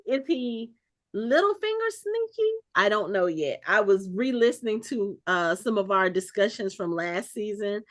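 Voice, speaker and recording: A woman co-hosting a relaxed podcast conversation. Her voice sits at a middle pitch. She recaps scenes with animated energy, slipping into the characters' exchanges as she goes. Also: measured pace. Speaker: podcast co-host. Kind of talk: casual chat.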